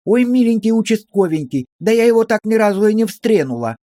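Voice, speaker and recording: A man puts on a high, fawning village woman who wails and pleads in a sing-song lilt, voice pushed up well above a man's own and loud, recorded dry and close. She gushes and begs without pause. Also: lively intonation, no room sound. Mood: pleading. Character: fawning, wailing village woman under questioning.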